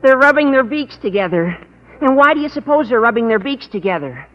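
In 1940s-50s radio comedy, a man plays an eager, gushing, earnest American teenage schoolboy, sounding excited and scheming. His voice is very high-pitched with big pitch swings and a slightly fast pace. The old radio recording is muffled, hissy, and reverberant.

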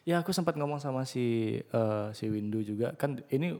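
A man chatting casually as a podcast host, relaxed and joking, with lots of fillers. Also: medium pitch, normal speed. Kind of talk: casual chat. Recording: long hall reverb.

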